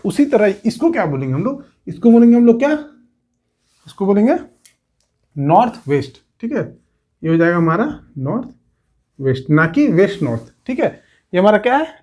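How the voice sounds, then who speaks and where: A male coaching teacher with a high, darkish voice explains at a whiteboard during an exam coaching lesson. He keeps saying "theek hai" and puts rhetorical questions to his students.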